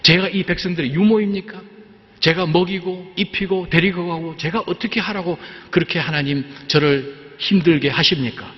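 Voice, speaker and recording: Preacher playing a despairing old prophet, pleading and high, echoey dull hall sound. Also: male voice, moderate pace, lightly acted. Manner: pleading, raised pitch. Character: despairing worn-out older male prophet.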